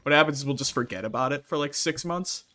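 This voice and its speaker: A young man in casual chat while playing a game, talkative and quick to laugh, acting out little quoted voices. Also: medium pitch, bright, forceful tone. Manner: chatty, laughs often, acts out quoted voices. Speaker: streamer guest.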